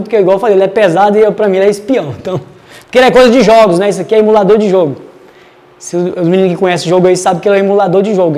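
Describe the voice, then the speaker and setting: A man's voice: high voice, a little mellow, long reverb tail. A man teaching a casual Bible study, chatty and digressive as he reads verses aloud.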